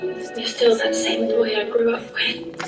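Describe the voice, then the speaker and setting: An earnest young game heroine, speaks in a gentle, pleading way at an unhurried pace. She sounds distant and roomy, as game audio picked up on a stream. Loud music plays beneath her. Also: on the high side, completely flat delivery.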